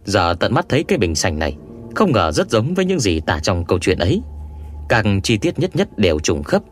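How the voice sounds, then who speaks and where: Deep-voiced male storyteller. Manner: storytelling, measured and expressive. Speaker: audiobook narrator. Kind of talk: scripted first-person narration.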